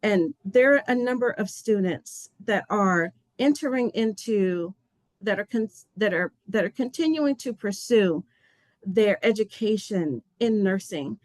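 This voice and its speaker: Woman, agency official, passionate webinar welcome, mid-pitched voice, dry close sound. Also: animated, measured pace, a little mellow, no echo. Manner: passionate, heartfelt; earnest, loses her place and restarts.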